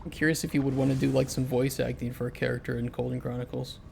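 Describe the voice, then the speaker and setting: Raspy-voiced man streaming a game. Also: mid-range voice, level tone, fast, noisy background. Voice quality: raspy, gravelly. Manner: mutters and swears while searching, rambling chat. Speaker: game streamer and indie developer. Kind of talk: casual gameplay commentary, chatting with viewers.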